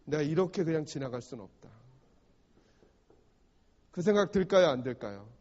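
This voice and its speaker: A male pastor preaches a story-driven sermon, stopping often to ask his listeners rhetorical questions. His voice is fairly high. The recording sounds dull and has a long church-hall reverb. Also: big pitch swings, normal speed, darkish tone.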